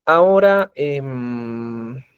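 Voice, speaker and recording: A man's voice: mid-range voice, animated, extremely slow, clean tone, no echo, narrow, tinny audio. A man teaching an English class, patiently repeating examples and asking his students questions. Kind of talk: recorded class lecture in Spanish.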